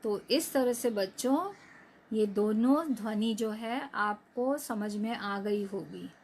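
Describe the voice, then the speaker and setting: A woman teacher giving a recorded class lesson to young children, drawing out each word slowly so they can repeat it after her. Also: mid-range voice, a little mellow, a little hiss or hum.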